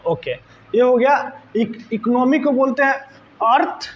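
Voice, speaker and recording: A man's voice: extremely high pitch, animated, highs cut off, slight background noise. Bihari-accented male teacher lecturing a class. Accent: Bihari Hindi. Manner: explains terms slowly, checks in with "right?". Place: classroom with students present.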